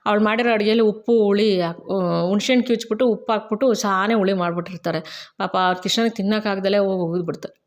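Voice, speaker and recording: A woman retells a TV serial episode in a quick, chatty flow, slipping into the characters' quoted lines as she goes. Her pitch is moderate and her delivery casual, ending with friendly requests to viewers. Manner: chatty, retells scenes with quoted dialogue, asks viewers to subscribe. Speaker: TV serial recap narrator. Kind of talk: casual storytelling recap.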